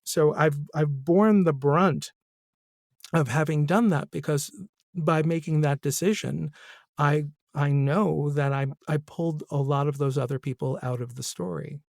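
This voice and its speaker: A man's voice: on the high side, a little slow, vocal fry, darkish tone, no echo. Self-mocking man hosting, dry sound. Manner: musing, self-deprecating, laughs at himself. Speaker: podcast host. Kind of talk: casual interview chat.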